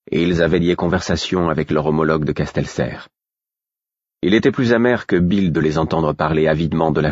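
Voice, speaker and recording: A man narrating a story in the first person as an audiobook, with measured, even storytelling. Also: deep voice, slightly rough, no room sound. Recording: dull, dry recording.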